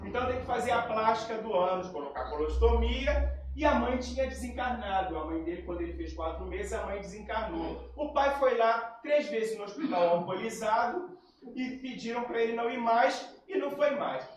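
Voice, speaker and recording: A man's voice: extremely high pitch, lively intonation, moderate pace, slight background noise. A man giving a spiritist talk, telling a personal story and acting out the dialogue of the people in it. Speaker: spiritist lecturer. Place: lecture hall. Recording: very echoey hall, far from mic.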